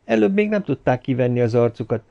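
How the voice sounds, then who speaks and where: A man reading an audiobook aloud in a steady, expressive storytelling manner. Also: medium pitch, gravelly. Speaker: audiobook narrator. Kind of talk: audiobook narration. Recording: slightly dull lo-fi audio.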